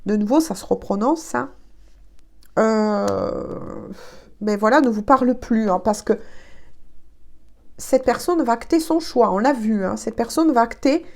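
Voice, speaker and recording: Her voice is fairly high, creaky and a little mellow, and she speaks unhurriedly with long pauses. She's a tarot reader doing a casual, chatty session, hesitant, congested by allergies, and fond of "hein".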